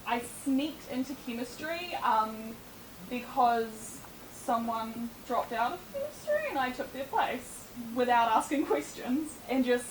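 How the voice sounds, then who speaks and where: Young woman, new zealand accent, chatty talk, high voice, distant mic in a roomy hall. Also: a little hiss or hum. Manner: chatty, many ums and small laughs. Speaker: student speaker. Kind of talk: presentation talk.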